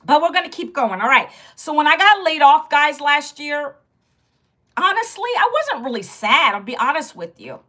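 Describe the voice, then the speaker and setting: A Virginia woman in her fifties hosts a casual livestream, talking directly to her viewers about losing her job and greeting them often. Her high voice is bright and forceful, with big pitch swings at a moderate pace. She has a sore back and fears losing her voice.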